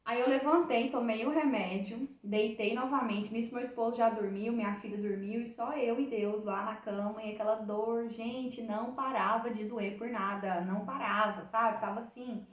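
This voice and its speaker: A woman with a Brazilian Portuguese accent tells the women of her church a personal testimony in a heartfelt, circling way, full of restarts. Her voice sits a little high. It is recorded from a distance in a room with plenty of echo. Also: fairly even intonation, normal speed, few pauses. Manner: heartfelt, repetitive storytelling with many restarts. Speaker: church member giving a testimony.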